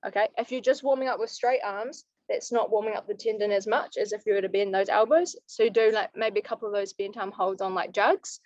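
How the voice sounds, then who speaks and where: A woman's voice: mid-range voice, steady tone, a little fast, few pauses, a little mellow, no room sound. Young New woman, laid-back coach fielding questions, muffled dry call audio. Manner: practical, easygoing advice-giving. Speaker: climbing coach. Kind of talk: live online coaching Q&A. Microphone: video call.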